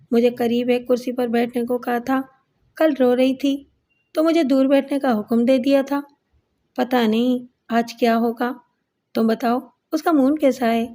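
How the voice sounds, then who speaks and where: A nervous, pleading young man in a spoken crime story, read by a woman. The voice sits high and soft, with little change from the reader's own. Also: close to an everyday voice. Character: anxious young man courting a strange cousin.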